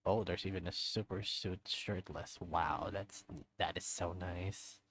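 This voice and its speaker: A man's voice: low voice, steady tone, measured pace, a bit bright, a little hiss or hum, rough recording. A man hosting a let's-play, reading a visual novel aloud and chatting casually about what he reads. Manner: chatty and easygoing, reading profile cards aloud with asides. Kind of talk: casual visual novel read-through with commentary.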